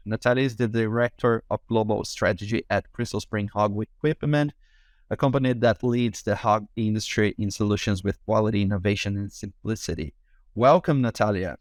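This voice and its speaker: A man's voice: fairly low pitch, normal speed, no room sound, clean studio sound. A man from Brazil with a Brazilian Portuguese accent, a non-native English speaker hosting a podcast in a friendly, hesitant way. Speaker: podcast host. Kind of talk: podcast interview.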